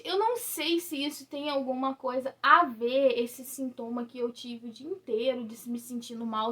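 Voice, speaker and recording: High-voiced Brazilian woman confiding. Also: a bit bright. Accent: Brazilian Portuguese. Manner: confiding, tag questions like "sabe?" and "tá?". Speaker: vlogger. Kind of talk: personal storytelling to camera. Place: her bedroom at home.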